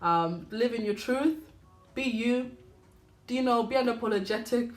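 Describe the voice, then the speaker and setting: A woman hosting a faith podcast, talking in a chatty, animated way with lots of asides to the listener. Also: a little high, normal speed, roomy sound. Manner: warm, chatty, animated, full of "you know". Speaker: podcast host. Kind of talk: casual faith podcast monologue.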